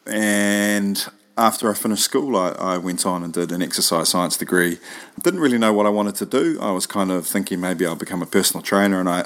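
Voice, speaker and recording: A middle-aged man from New Zealand with a New Zealand accent, a PE teacher answering interview questions in a relaxed, rambling way. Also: low voice. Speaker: guest, PE teacher.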